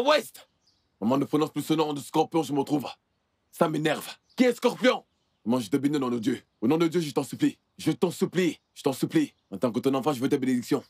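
An actor dubbing a hot-headed young gangster son in a film, pleading and vehement. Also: male voice, a little high, a little mellow, slightly rough, no echo, clean studio sound. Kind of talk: dubbed film dialogue.

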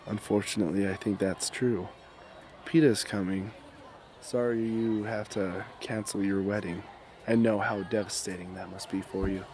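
Suave, low-voiced Finnick Odair, played by a man. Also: steady tone, moderate pace, a little mellow, slight background noise, natural voice. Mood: sly, intimate. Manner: suave, teasing, insinuating. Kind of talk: amateur radio drama acting.

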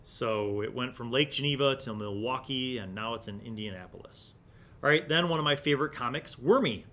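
An American man in his forties hosts a retro gaming review, chatting fairly quickly in a relaxed, nostalgic, casual way as he leafs through an old magazine. He's in a small indoor studio on a large desk condenser mic, with clear low background rumble and noise.

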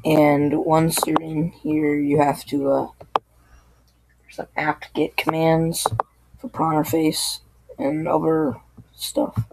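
Sick, gravelly-voiced tech tutorial host. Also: mid-range voice, flat delivery, background noise. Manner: halting, apologetic, loses train of thought. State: sick, hoarse voice. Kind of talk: casual screen-recording tutorial.

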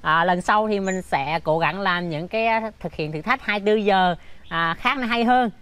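A man's voice: high voice, normal speed, bright, forceful tone, clean tone. Chatty young man vlogging from a tent. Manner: chatty, keeps addressing viewers, many fillers. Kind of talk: casual vlog talk to viewers. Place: small tent on a house rooftop.

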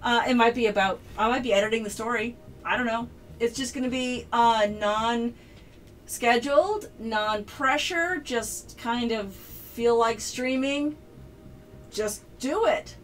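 A woman's voice: fairly high pitch, takes it slowly, a bit bright, slight background noise, low-quality recording. Chatty upbeat woman streamer. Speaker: streamer and game designer host. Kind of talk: casual livestream chat.

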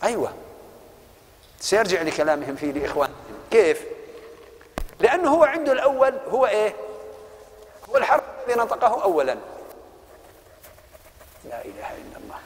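A middle-aged man with an Egyptian accent teaching a classical text, animated, asking the class questions and acting out both sides of the argument. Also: high-pitched, a little fast, pauses often, slight background noise. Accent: Egyptian Arabic. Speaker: Quran orthography teacher. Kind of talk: explaining a classical text to students. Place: mosque lesson hall. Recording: long hall reverb.

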